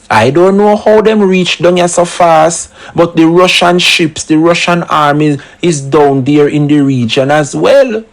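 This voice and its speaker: A commentary channel host delivers opinionated solo remarks in a fairly high voice, captured on a rough recording. He piles on rhetorical questions and emphatic asides.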